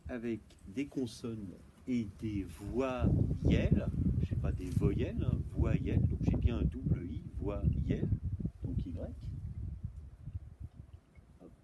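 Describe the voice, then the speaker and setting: A man's voice: medium pitch, animated, slow, heavy background noise. A man with a French accent, a primary school teacher going over homework answers for pupils at home, patiently spelling words letter by letter. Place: outdoors, windy.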